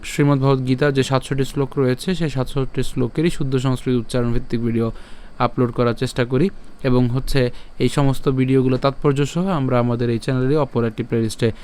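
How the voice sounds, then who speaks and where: A man teaching the recitation of a scripture verse, breaking it into syllables and chanting it slowly, patient and checking often that listeners follow. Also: mid-range voice, flat delivery, darkish tone, smooth. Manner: patient, often asks "all right?". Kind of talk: online recitation tutorial.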